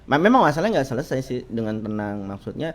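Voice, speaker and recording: A man's voice: mid-range voice, very animated, fast, a little mellow. A man hosting a casual chat, agreeing often and adding his own thoughts. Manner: agreeable, frequent murmured assents. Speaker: host.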